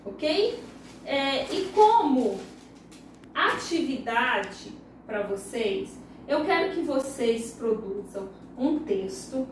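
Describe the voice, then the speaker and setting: Woman, Brazilian Portuguese accent, primary school teacher, high-pitched, slow and patient, spells out syllables, very reverberant room. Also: slight background noise. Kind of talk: recorded lesson for young children. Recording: very echoey room, voice far from the mic.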